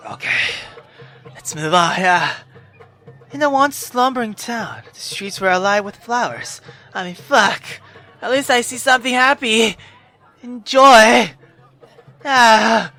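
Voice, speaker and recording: His voice is very high and unhurried, with faint music playing behind him. He's a gamer dramatically voicing a visual novel, breaking off for casual asides in which he cusses freely.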